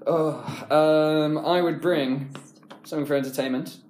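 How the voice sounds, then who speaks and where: A man's voice: on the high side, fairly even intonation, a little slow, darkish tone, reverberant. A man, laughing, swearing and teasing in a casual chat among friends.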